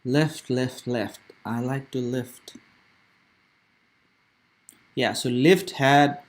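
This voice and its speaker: This young Nepali streamer's voice is medium in pitch and a little mellow. He offers relaxed live commentary on stock charts, rambling as he thinks aloud, with frequent fillers and false starts.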